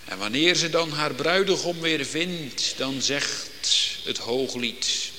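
Slow, solemn male preacher in an echoing church. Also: fairly high pitch, lively intonation, bright, forceful tone. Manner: solemn, emphatic, with swelling declamatory climaxes. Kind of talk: sermon. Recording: long reverb in a church hall, faint background noise.

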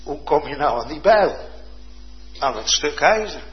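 Fervent preacher, slow and dull-toned. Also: male voice, on the high side, big pitch swings. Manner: fervent, swinging from hushed to loud exclamation. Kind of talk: sermon. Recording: dull lo-fi sound.

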